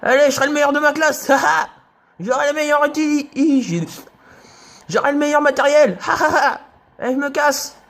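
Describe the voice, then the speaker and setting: A young man giving excitable let's play commentary, yelping and laughing at enemies. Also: extremely high pitch, normal speed. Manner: excitable, shouts and yelps at enemies, laughs often. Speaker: gaming youtuber.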